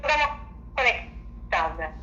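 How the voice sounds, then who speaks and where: A woman's voice: on the high side, very animated, takes it slowly, bright, forceful tone, slight background noise. A woman joining a live video chat as a guest on a headset, her audio choppy and glitchy, cutting out as she gives brief replies. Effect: choppy, glitchy audio that keeps cutting out. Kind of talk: casual chat. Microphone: headset on a video call. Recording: dull, roomy video-call audio.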